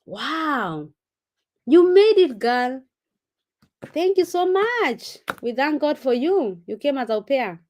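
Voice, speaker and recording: A woman's voice: sits high, big pitch swings, takes it slowly, a little mellow, a little hiss or hum. A woman chatting casually on a live stream, reading viewer comments aloud and greeting each viewer by name, now and then slipping into Swahili words. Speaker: vlogger reading live chat.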